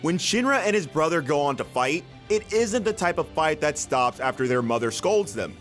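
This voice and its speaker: A man's voice: fairly high pitch, big pitch swings, normal speed, fairly bright tone, faint music behind. A man reading scripted countdown narration for a video list.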